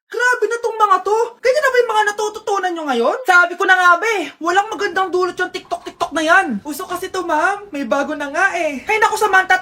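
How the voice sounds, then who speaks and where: High-pitched woman acting skits. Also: sharp tone. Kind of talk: comedy skit acting.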